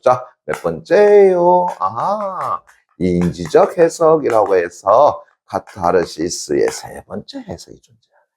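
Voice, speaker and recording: A man's voice: mid-range voice, sing-song, takes it slowly, creaky. A male exam-prep teacher giving a classroom lecture, constantly checking in with his class and answering his own questions. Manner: call-and-response, keeps asking "됐니?" and answering himself; emphatic, shouts out examples.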